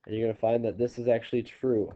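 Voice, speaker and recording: In a recorded video lesson on geometry, a congested-sounding man with a mid-range voice talks fast in a level tone, working through each step with lots of ums and restarts. The lo-fi audio is slightly dull, with a bit of background noise.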